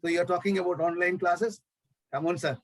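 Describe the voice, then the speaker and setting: A man's voice: high-pitched, brisk, no echo, poor audio. A man from Kerala, a professor, speaking passionately at a press conference, firing off rhetorical questions and restarting his sentences often. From Kerala, India.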